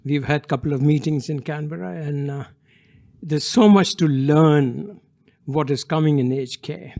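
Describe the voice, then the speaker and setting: Older man, panellist introducing himself at a conference, earnest, loose phrasing, fairly high voice. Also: moderate pace, vocal fry, warm tone. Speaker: panellist, community elder. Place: conference stage.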